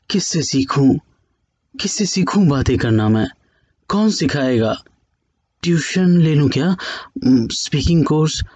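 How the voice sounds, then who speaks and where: A man narrating a first-person story in an expressive, playful way. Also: fairly high pitch, dry recording.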